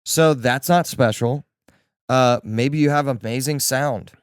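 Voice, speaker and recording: A man's voice: medium pitch, slow, clear, resonant tone, no echo, studio quality. A man co-hosting a faith podcast in casual chat, building his points with repetition and lots of "like". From Delaware, USA. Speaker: podcast co-host.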